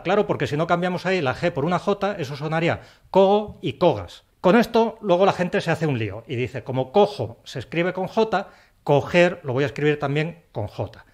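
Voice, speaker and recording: Playful, theatrical Spanish man teaching. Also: a little high. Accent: Spain Spanish. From Spain. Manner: playful, theatrical exclamations and dramatic sighs; spells out words slowly and emphatically. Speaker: language teacher and channel host. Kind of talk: scripted explanatory video lesson.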